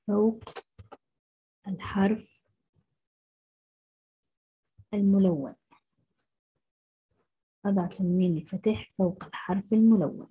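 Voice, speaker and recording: A woman teacher, giving a first-grade phonics lesson and sounding out syllables slowly. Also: medium pitch, breathy edge. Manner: slow, syllable-by-syllable sounding out of letters. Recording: muffled lo-fi recording.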